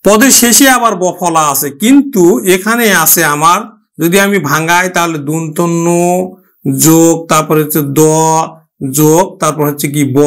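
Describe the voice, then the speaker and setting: A man with a high, light voice teaching a grammar lesson. He asks a question, answers it himself, and drills each example word slowly, saying it more than once. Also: fairly bright tone.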